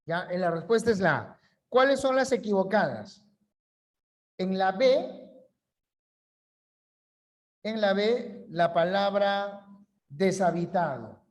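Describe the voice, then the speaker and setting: A man's voice: high voice, lively intonation, takes it slowly, long pauses. A male language teacher giving an online class lecture, repeating key rules and checking understanding with short questions.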